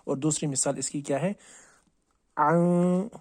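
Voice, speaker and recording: Man, recitation teacher, very slow pace, soft dark tone, draws out syllables, asks and answers his own questions. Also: on the high side, steady tone, no room sound. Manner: repeats words slowly, drawing out the sounds to demonstrate. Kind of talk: tajweed lesson on letter pronunciation.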